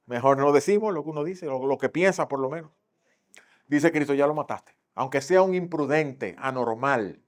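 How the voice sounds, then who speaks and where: A male pastor with a Dominican accent, preaching a Sunday school sermon and acting out the voices he quotes, swinging from loud to hushed. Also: medium pitch. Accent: Dominican Spanish. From Dominican Republic.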